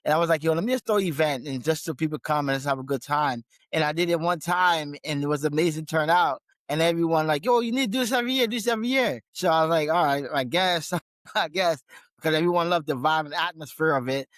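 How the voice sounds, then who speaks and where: A man from Guyana, a gym owner and trainer, chatting casually as a podcast guest, relaxed and often restarting his sentences. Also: on the high side, quick pace, no room sound. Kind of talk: casual interview conversation.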